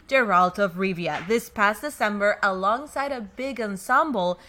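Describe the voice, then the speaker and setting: A woman hosting a podcast and chatting casually among friends, lively and emphatic. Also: mid-range voice, normal speed. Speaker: podcast host.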